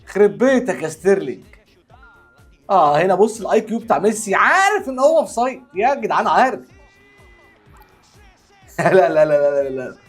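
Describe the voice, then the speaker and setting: A man's voice: high voice, fairly quick, pauses often, faint music behind. A man with an Egyptian accent hosting a football reaction video, exclaiming and repeating himself as he reacts to clips. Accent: Egyptian Arabic. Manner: animated, exclaiming, repeats words. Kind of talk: excited reaction commentary.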